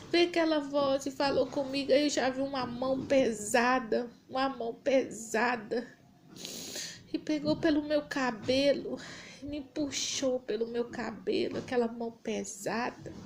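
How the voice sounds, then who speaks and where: Woman, high voice, fervent church testimony, repetitive, faint background noise. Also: unhurried. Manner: fervent, repetitive, prays aloud mid-story. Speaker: church member giving testimony. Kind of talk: religious testimony.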